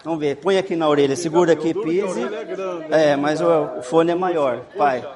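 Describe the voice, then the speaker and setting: A slightly high-voiced man speaking at normal speed runs a game in a children's Bible class, urging the children on and repeating what to do. Crowd noise and faint background noise come through in an echoey room.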